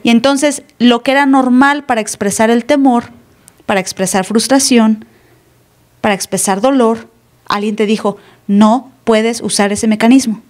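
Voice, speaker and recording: A woman pastor delivers a sermon to her congregation in an easy, conversational way. She acts out the dialogue she quotes and often puts questions to the listeners. Her voice sits a little high. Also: moderate pace, a little mellow. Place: church. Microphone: live stream.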